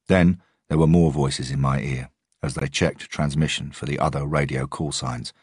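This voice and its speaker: A man narrating a first-person audiobook in a measured, steady way. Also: very deep voice, slightly rough, dry recording, studio quality.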